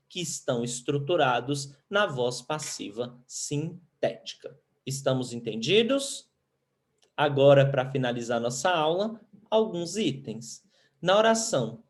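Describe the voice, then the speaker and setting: Brazilian guy teaching grammar, kinda high voice, slow, drags out the poem lines. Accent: Brazilian Portuguese. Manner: explains slowly, asks questions and answers them himself; reads poem lines drawn out, counting syllables. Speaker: Portuguese teacher. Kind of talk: recorded online grammar lesson.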